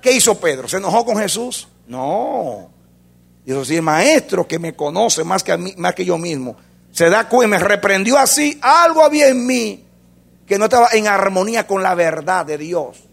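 Male pastor, sermon delivery, gravelly and husky, voice sits a bit high, big dynamic swings from fervent to hushed. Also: expressive, normal speed. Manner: preaching with wide swings from loud fervor to hushed intensity.

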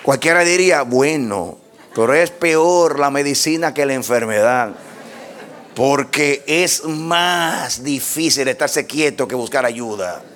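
A male pastor preaching a sermon with passion, swinging between shouted lines and hushed asides. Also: medium pitch, expressive, takes it slowly.

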